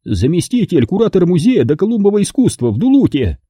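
A nervous, bewildered male museum curator , played by a man reading a story, speaking in a halting, wide-eyed way. The voice sits well above the reader's own and is recorded close and dry. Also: sits high, sing-song, dark tone, slightly rough, no echo, voice pushed up, exaggerated voice.

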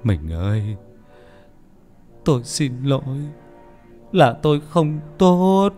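Cast: a man playing a grim, stubborn sorcerer hero for an audiobook, low voice, lively delivery. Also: a little fast, vocal fry, husky, soft background music, exaggerated voice. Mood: anguished. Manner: gritted, intense. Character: grim middle-aged male sorcerer, stubborn, tormented.

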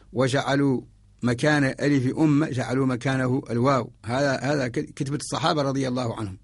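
A man from Mauritania teaches Quran orthography on the radio, his voice gravelly with a husky edge. He works through each point in measured explanation and breaks into a chant for the verses he quotes. The sound is close and dry. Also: mid-range voice, dry recording.

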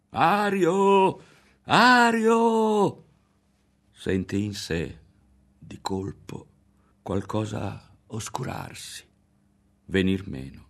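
A man with an Italian accent narrating a literary novel in a measured, expressive reading. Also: lowish voice, creaky, breathy edge. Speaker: audiobook narrator.

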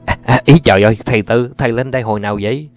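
A man's voice: on the low side, animated, normal speed. A man voicing an eager-to-please, fluttery middle-aged male teacher. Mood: welcoming. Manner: fluttery, overly courteous. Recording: muffled audio with faint music.

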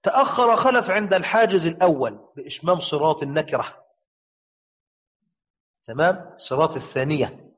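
A man teaching a lesson on the variant readings of the Quran, explaining step by step, asking and answering his own questions and chanting verse examples slowly. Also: on the high side, lively intonation, dull audio.

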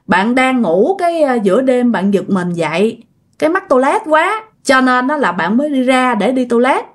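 Brief: woman narrator, fairly high voice, animated casual ghost-story telling. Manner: chatty, expressive, addresses listeners directly.

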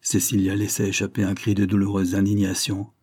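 A man narrating a novel as an audiobook in a measured, even storytelling manner, with a husky voice. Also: low voice, no echo, clean studio sound. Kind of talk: scripted narration.

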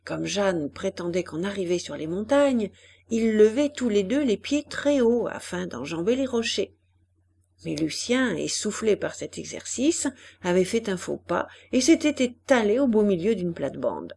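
Female audiobook reader, expressive, acts out characters, lively delivery. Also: mid-range voice, normal speed, creaky, slightly rough. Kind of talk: audiobook narration.

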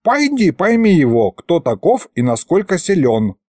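Brief: male reader voicing a pompous grumbling ghost, raised pitch, audiobook. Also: wildly swooping pitch, moderate pace, darkish tone, no room sound, studio quality. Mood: sulky. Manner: grumbling, important-sounding. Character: grumbling male ghost sorcerer, self-important.

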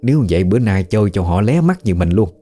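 Narrator as the ghost of an old woman, deep mellow muttering, faint music. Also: very animated, fast talker. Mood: gleeful. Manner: chuckling mutter. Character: cheerful old woman's ghost, unaware she died.

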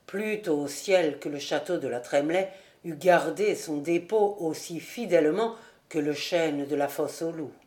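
A woman doing a grave, secretive charcoal burner. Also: darkish tone. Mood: sad. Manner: slow, grave and low. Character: mysterious old male charcoal burner, calm and secretive. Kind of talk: audiobook character voice.

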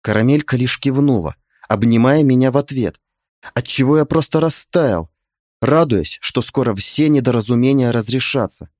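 A man reads a first-person novel as an audiobook in a measured, even storytelling manner. His voice sits in a mid range, and the recording is close and dry. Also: medium pitch, dry recording. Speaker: audiobook narrator.

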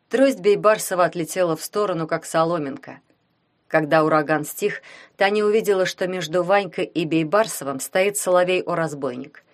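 A woman narrating an audiobook in an even storytelling manner. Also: low-pitched. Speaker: audiobook reader.

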